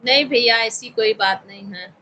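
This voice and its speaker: A woman's voice: fairly high pitch, moderate pace, pushed and bright, a little hiss or hum, low-quality recording. A woman from Uttar Pradesh hosting a casual live stream, politely answering viewers' comments and calling everyone brother. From Uttar Pradesh, India. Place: home in Visakhapatnam.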